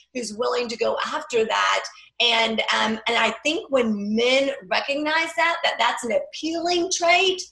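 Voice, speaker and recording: A woman's voice: fairly high pitch, creaky, fairly bright tone. A woman hosting a casual podcast conversation, speaking emphatically and with passion. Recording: echoey room.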